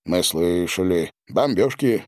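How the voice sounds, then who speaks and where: A man reading an audiobook and voicing a worn-out middle-aged male doctor who speaks haltingly. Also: low voice, expressive, no echo, studio quality. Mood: weary. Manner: faltering, halting speech.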